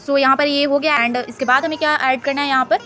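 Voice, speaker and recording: A woman's voice: sits high, steady tone, a little fast, sharp tone, a little hiss or hum. A woman hosting a screen-recorded design tutorial, chatty and instructive, mixing English words into her Hindi.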